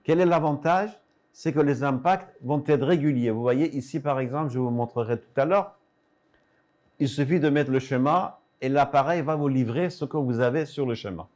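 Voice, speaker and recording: Speaking at a moderate pace with a medium-pitched, slightly mellow voice, a man from Iran in his sixties or older talks as an ophthalmologist. He lays out his work and equipment for an interview like a teacher, answering questions he asks himself.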